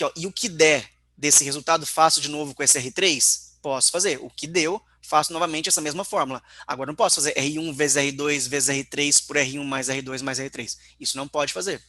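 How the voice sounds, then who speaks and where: Man, online physics teacher, fairly high voice, bright and forceful, dry close sound, step-by-step explanations. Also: steady tone, a little fast, dry recording. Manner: walks through calculations step by step, often checking in with the class.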